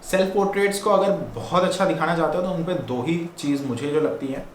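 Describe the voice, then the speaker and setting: A man's voice: a little high, fairly quick, a little hiss or hum. Chatty male photography vlogger, echoey room. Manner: chatty, teasing street slang asides. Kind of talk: casual vlog talk. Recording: echoey room with faint ambience.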